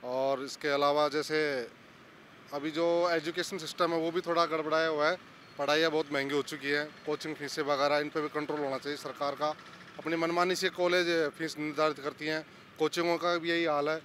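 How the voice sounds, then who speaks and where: A man's voice: on the high side, flat delivery, brisk, fairly bright tone, slight background noise. A young man, a recent graduate seeking work, steadily listing his hopes in a street interview. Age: young adult. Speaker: recent graduate job seeker.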